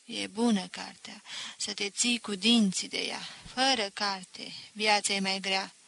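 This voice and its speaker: Casting: a bedridden old uncle, worn out and wry, read by a woman narrator, bright tone. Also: medium pitch, steady tone, gravelly, no echo. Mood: weary. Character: dying old uncle, weary, bitter, wry. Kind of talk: audiobook reading.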